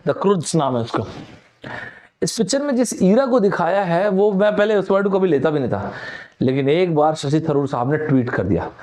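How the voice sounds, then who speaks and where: A middle-aged male teacher with a Hindi accent leads a live online vocabulary class. He talks to viewers like friends in a chatty way, and his voice sits a little high for a man. He slows down to spell out words letter by letter. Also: warm tone.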